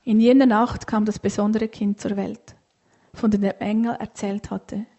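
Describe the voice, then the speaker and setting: Female storyteller, gentle reading voice, soft breathy tone, mellow. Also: mid-range voice, level tone, normal speed, highs cut off.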